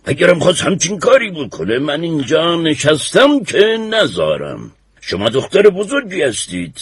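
A husky courtroom lawyer or judge in a radio drama, questioning formally and with measure. His pitch swings widely, and the recording is dry and close. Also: wildly swooping pitch, dry recording, exaggerated voice. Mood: reassuring.

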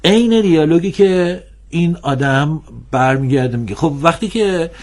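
A man speaking as a guest on a televised discussion show, earnest and critical, pausing often with drawn-out filler sounds. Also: fairly high pitch, expressive. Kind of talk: TV panel discussion.

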